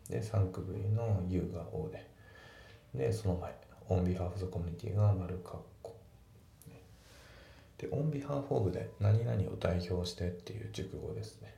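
A man teaching English grammar and pronunciation in a calm, methodical way, reading example sentences slowly. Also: low-pitched, vocal fry. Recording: echoey room with faint background noise.

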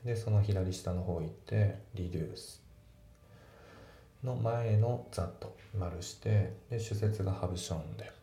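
A man teaching English grammar and pronunciation in a calm, methodical way, reading example sentences slowly. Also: sits low. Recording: echoey room with faint background noise.

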